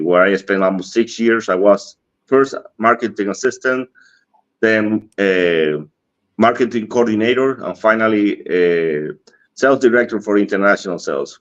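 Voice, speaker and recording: A man with a Dominican Spanish accent and a fairly low voice tells a story in an animated, casual way, acting out both sides of the conversation. The sound is dull and lo-fi, like a streamed podcast. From Dominican Republic. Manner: animated, acts out dialogue, laughs often. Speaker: cigar industry guest.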